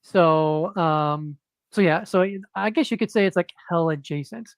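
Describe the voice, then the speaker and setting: In a relaxed interview, a guest who creates comic books talks unhurriedly in a slightly high voice with no echo. Monotone and hesitant, he keeps stumbling into fillers and starting over.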